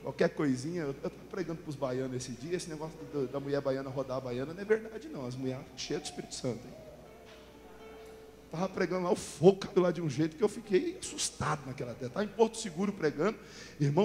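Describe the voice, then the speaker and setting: A male pastor preaching a fervent Pentecostal sermon, swinging from quiet talk to shouting. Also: fairly high pitch, very animated, fast. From Brazil. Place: large church hall. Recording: church hall reverb with faint music.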